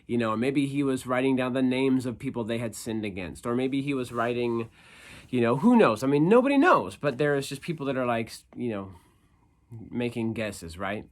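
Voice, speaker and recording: A man's voice: mid-range voice, normal speed. A man speaking as an upbeat youth pastor, giving an informal, conversational devotional with slangy phrasing and emphatic repetition. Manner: upbeat youth-pastor delivery, casual and animated. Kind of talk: informal youth devotional talk with scripture reading.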